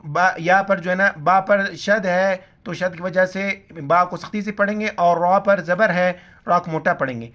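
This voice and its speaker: Male Quran teacher, high and smooth voice, slow chanted recitation set against brisk explaining. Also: fairly even intonation, a bit bright, highs cut off. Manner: drawn-out chanted recitation between quick explanations; spells out letters and vowel marks syllable by syllable. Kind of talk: pronunciation lesson with recitation.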